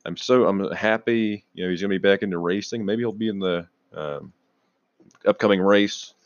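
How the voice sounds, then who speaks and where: Low-voiced tired man rambling about cars. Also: normal speed, no room sound, dull audio. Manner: rambling, restarts often, swears casually, clears throat often. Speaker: auto news vlogger. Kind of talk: casual rambling commentary.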